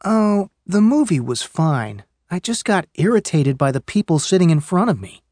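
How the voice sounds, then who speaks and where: Woman doing an english lesson dialogue, lowish mellow voice, dry sound. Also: very animated, normal speed, no echo. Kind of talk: scripted dialogue for language learners.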